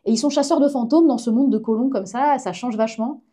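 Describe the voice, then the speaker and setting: A woman's voice: fairly high pitch, fast, dark tone. A woman, a comic artist and science journalist, chatting casually and enthusiastically as a guest on a live stream.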